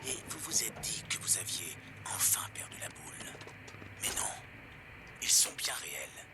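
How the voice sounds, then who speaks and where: A paranoid pirate radio ranter. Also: male voice, lowish voice, very animated, a little slow. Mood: conspiratorial. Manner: hushed, whispery, urgent warnings. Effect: pirate radio broadcast heard in the game. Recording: loud noise under the broadcast.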